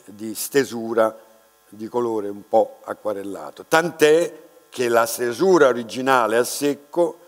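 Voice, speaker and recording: An older man, an art restorer, giving an unscripted lecture at a lectern, reflective and unhurried, pausing often and restarting his words. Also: lowish voice. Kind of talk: slow, unscripted lecture to an audience. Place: large dark lecture hall, standing at a lectern. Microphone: lectern microphone. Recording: reverberant lecture hall with mains hum.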